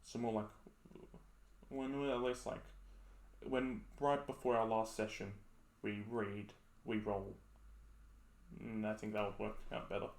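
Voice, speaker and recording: A man's voice: on the low side, flat delivery, measured pace, long pauses. Rambling Australian man, roomy echo. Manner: rambling, laughs often. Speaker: podcast co-host. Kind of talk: casual chat.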